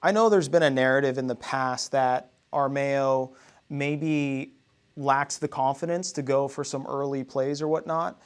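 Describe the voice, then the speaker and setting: A man's voice: medium pitch, fairly even intonation, unhurried, smooth. A man interviewing a coach, asking careful, hesitant questions with fillers.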